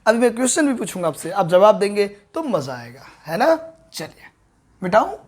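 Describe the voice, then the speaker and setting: A man teaching an online grammar lesson. He keeps asking the viewers whether they understood and slowly repeats the key terms at a board. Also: high-pitched, big pitch swings.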